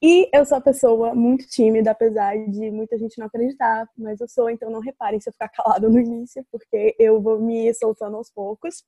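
Casting: giggly podcast woman in her twenties, higher voice, casual, no room echo. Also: expressive, a little fast, vocal fry, hardly any pauses, mellow, breathy edge. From Bahia and Rio de Janeiro state, Brazil. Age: 20s. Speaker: podcast co-host. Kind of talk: casual chat, storytelling.

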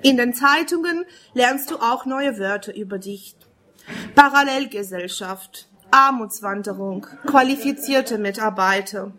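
Woman w/ doing spoken word poetry, kinda high voice, slow and earnest. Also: pushed and bright. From Romania. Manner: measured, earnest, second-person address.

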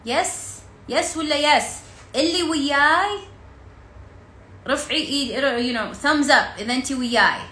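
A woman's voice: high voice, unhurried, pushed and bright, reverberant. A woman with a Gulf Arabic accent leading an interactive coaching workshop, firing rhetorical questions at her listeners and dropping English words into her talk.

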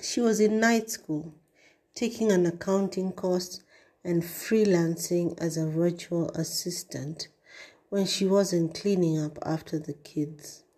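A woman narrating an audiobook in a measured way, sometimes dropping to a breathy hush. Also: lowish voice, steady tone. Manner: measured, with breathy hushed passages. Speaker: audiobook reader.

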